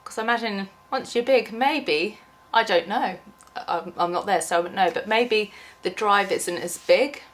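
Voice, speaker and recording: With a medium-pitched, slightly bright voice and a measured pace, a young woman vlogs without a script for her small YouTube channel. She's sick with a cold and losing her voice, so she keeps saying um and starting over.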